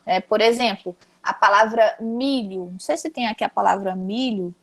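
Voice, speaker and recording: A woman's voice: mid-range voice, moderate pace. A young woman with a Cearense Brazilian accent, teaching an online class in a chatty, upbeat way and talking straight to her students. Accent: Cearense Brazilian Portuguese. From Ceará, Brazil. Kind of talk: casual online class lesson.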